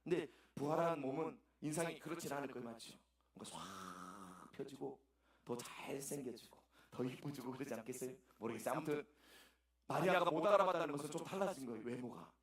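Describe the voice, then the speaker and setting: A man's voice: mid-range voice, lively intonation, brisk. A man preaching a sermon as pastor, emphatic and repeating words as he speaks to the congregation in a church. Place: church sanctuary. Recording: echoey church hall, distant mic.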